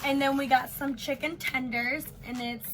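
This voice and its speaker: Bright-voiced young woman chatting. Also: high-pitched, fairly even intonation, normal speed. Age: 20s. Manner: chatty, mixes Spanish and English. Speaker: host. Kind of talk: casual chat mukbang.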